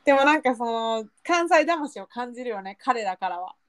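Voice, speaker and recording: A woman's voice: on the high side, expressive, moderate pace, no echo. A young woman with a Kansai accent, co-hosting a casual chat podcast and laughing often. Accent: Kansai Japanese. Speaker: podcast co-host.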